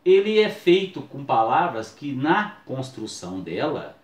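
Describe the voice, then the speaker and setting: A man's voice: medium pitch, sing-song, measured pace. Guy teaching a video class, stretches words out to stress them, roomy echo. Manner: explanatory, drawing out key words for emphasis. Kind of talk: recorded video lesson.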